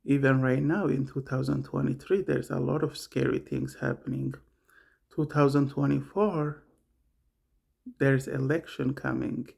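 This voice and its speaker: A man's voice: mid-range voice, fairly even intonation, a little slow, gravelly, darkish tone, husky. A middle-aged man from Somalia talking casually about his own experience, rambling and repeating himself as he searches for words. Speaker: vlogger sharing personal experience. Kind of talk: casual personal monologue.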